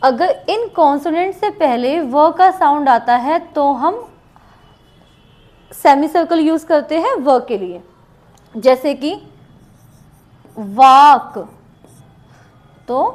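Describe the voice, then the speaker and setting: Slow, high-voiced woman teaching. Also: darkish tone. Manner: slow, repeats each example word twice. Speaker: shorthand teacher. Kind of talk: classroom lesson with board writing.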